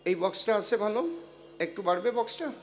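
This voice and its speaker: A man's voice: high-pitched, normal speed, faint music behind. An older man, a devotional singer, doing a stage sound check and giving the crew bossy running orders into a handheld mic.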